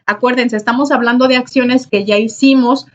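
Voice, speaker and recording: A woman's voice: on the high side, fairly even intonation, normal speed. A woman, teaching an online English grammar class in a patient, repetitive way and checking in often. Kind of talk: recorded online class lesson. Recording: dull lo-fi recording.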